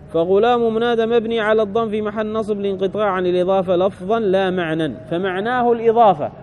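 A man with a notably high voice leads a classical grammar lesson. He reads a passage aloud, then explains it in a measured, patient way. He often stops to check that his listeners follow. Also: a little mellow, slight background noise. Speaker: Arabic grammar teacher.

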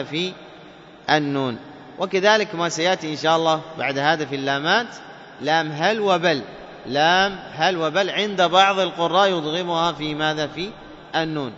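A man teaching the rules of Quran recitation. He quizzes listeners with questions and chants the examples slowly. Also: on the high side, a bit bright. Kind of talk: tajweed lesson. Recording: dull lo-fi sound with long reverb.

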